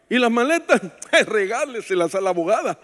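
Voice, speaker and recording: A man preaching a sermon as a pastor, telling stories with joking asides, shouting out some lines and dropping to a hush for others. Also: very high voice, very animated, a little slow, slight background noise. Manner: storytelling preacher, swings from shouts to hushed asides; jokes with the congregation. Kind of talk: sermon at a women's retreat. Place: church hall. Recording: long echo of a large hall.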